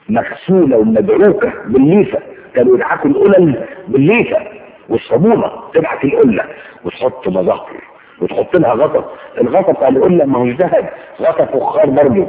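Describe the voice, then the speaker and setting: A man preaching in colloquial Egyptian Arabic, telling anecdotes and reciting verses slowly for emphasis. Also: vocal fry, narrow, tinny audio. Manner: animated storytelling, swings between loud emphasis and low asides, recites verses slowly.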